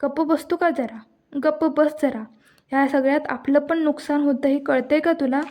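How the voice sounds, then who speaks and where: A woman's voice: sits high, fairly even intonation, moderate pace, darkish tone, natural voice. A woman reading as a selfish, scolding woman. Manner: scolding, anxious. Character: selfish worried middle-aged woman.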